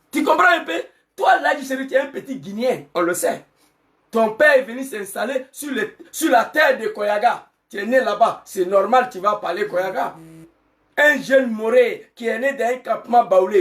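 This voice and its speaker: A middle-aged man with an Ivorian French accent, an activist giving an angry political monologue full of shouted rhetorical questions. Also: high voice, far from the mic. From Côte d'Ivoire.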